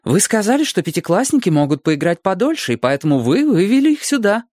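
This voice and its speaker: An insistent schoolteacher argues heatedly, voiced by a man reading. The voice is pushed clearly higher than the reader's own. Dry, close recording. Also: very animated, fast talker, a little mellow, no room sound.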